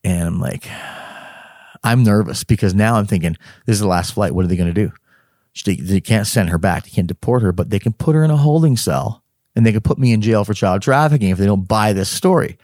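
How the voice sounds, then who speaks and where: A middle-aged man with a fairly low voice recounts a story in an easy, conversational way. He drops into quoted dialogue and breaks into laughter as he talks. The recording is close and dry, with no room sound. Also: fairly quick, dry recording. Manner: animated, acts out dialogue, laughs mid-sentence. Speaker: guest telling a personal story. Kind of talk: casual spoken storytelling.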